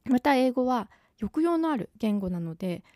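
A woman with a mellow, warm voice talks as a podcast language coach, clear and unhurried as she lays out each point. The sound is close and dry, with no room around her. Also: a little high, no room sound. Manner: calm, clear teacher explaining step by step. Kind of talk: solo podcast explanation.

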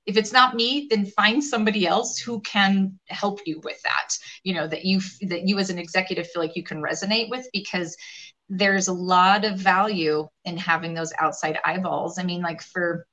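A woman leadership coach in a podcast interview, talking in a lively way and acting out what other people say. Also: lowish voice, moderate pace, muffled recording. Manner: animated, acts out quoted voices.

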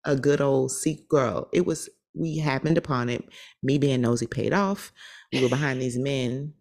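Low-pitched, creaky-voiced American woman podcaster. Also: moderate pace, a little mellow. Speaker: podcast co-host. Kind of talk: casual chat, anecdotes.

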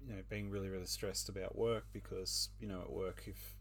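A man with a low voice talks through ideas from a reading in a relaxed group chat. He muses slowly, with lots of "you know" and "um". A faint hum sits under his voice. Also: creaky. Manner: thoughtful, hesitant, many fillers. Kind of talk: casual book discussion.

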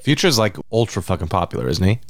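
A man's voice: low-pitched, sing-song, quick pace, dry recording. A man co-hosting a casual podcast album review with dry, wry asides. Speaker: podcast co-host.

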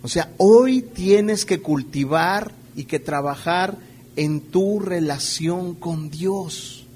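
Speaking slowly and in a relaxed way, this pastor's voice sits a little high for a man, with a faint hum running underneath. His conversational sermon leans on frequent rhetorical questions to check in with the audience, and he playfully acts out everyday scenes.

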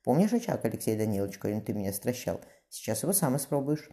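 A man's voice: mid-range voice, very animated, fast talker, mellow. A man reading a vengeful young man's curt, threatening lines.

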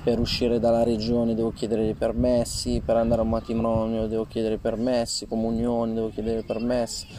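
A man giving informal, halting testimony as an interview guest outdoors, rephrasing as he goes, his voice slightly muffled by a face mask. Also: medium pitch, completely flat delivery, mellow. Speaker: interview guest telling personal experience. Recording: faint outdoor ambient noise. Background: outdoor ambient noise.

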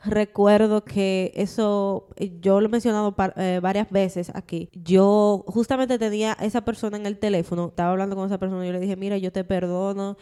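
A woman's voice: mid-range voice, flat delivery, a little fast, few pauses, warm tone, clear, resonant tone. Earnest woman testifying about forgiveness. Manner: earnest, frequent affirmations. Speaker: podcast co-host.

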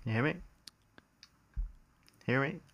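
A man's voice: medium pitch, slow, a bit bright. A man, a musician, chatting casually over a glitchy video call, rambling and hesitant with frequent laughs. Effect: heard over a video call with a glitchy connection. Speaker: musician guest. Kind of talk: casual conversation.

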